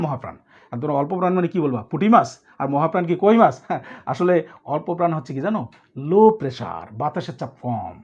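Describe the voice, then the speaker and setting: Male teacher, high and animated, explaining step by step to students; dull lo-fi recording. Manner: explains step by step, checks in with students, mixes in English words. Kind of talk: grammar lesson for students.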